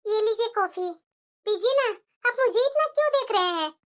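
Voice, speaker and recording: Cartoon: a naive, eager young bride, meek and polite, extremely high-pitched. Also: female voice, animated, moderate pace, faint music behind. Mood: sweet. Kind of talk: cartoon voice acting.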